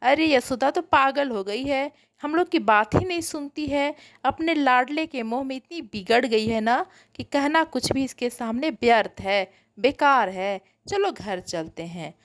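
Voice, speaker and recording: A woman's voice: sits high, lively intonation, unhurried, hardly any pauses. A woman voicing a group of village milkmaids who complain in an exasperated way.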